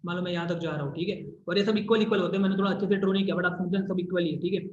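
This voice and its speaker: Male tutor, high voice, repetitive board-side explaining, echoey room. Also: steady tone, racing. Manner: repetitive, keeps checking if students follow; draws on a board while explaining. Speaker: teacher. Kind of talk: classroom physics lesson. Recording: echoey room, slightly dull recording.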